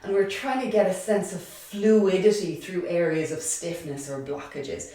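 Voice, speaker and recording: A woman's voice: on the low side, measured pace, warm tone, heavy reverb, distant mic. A woman yoga teacher guiding a class, chatty and encouraging, counting reps aloud and a bit out of breath as she exercises along. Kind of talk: guided yoga class instruction. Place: yoga studio.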